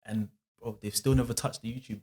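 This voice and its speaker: A man's voice: mid-range voice, fairly even intonation, fast, darkish tone, breathy edge. A man with a London accent chatting casually in roadman street slang as a podcast panellist. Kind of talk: casual chat.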